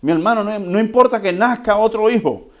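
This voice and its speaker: A man's voice: sits high, a little fast. Conversational preaching man. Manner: conversational preaching, asks the congregation for responses; lively swings between soft and loud, with chuckles. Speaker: pastor. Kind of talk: sermon.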